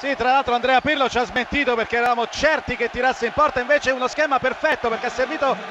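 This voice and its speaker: A man from Italy giving live radio match analysis as second commentator, in a raised voice with halting phrasing. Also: very high-pitched, steady tone. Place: football stadium commentary position. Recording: dull lo-fi feed with loud crowd. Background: noisy crowd.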